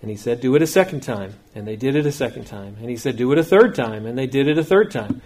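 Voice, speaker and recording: A man preaching in a church, reading scripture aloud with slow, emphatic phrasing and then speaking to the congregation. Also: mid-range voice, lively intonation, a little mellow. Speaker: pastor.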